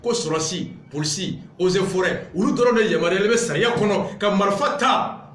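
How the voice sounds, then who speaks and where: Speaking at normal speed in a high, somewhat bright voice, this Malian-accented man sounds like he's in a roomy space. He's a political commentator whose fiery monologue, partly read aloud, is indignant and emphatic, hammering ideas with repeated rhetorical crescendos.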